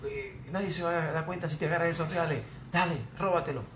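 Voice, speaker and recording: Sly sneaky voice of sin egging you on, venezuelan preacher putting it on, softer, echoey. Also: male voice, on the high side, fast talker, background noise, lightly acted. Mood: coaxing. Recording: echoey church room.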